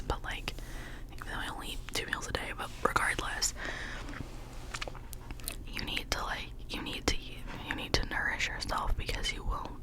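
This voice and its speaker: An ASMR host giving a whispered pep talk of positive affirmations in a gentle, encouraging manner, often repeating phrases slowly. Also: poor audio.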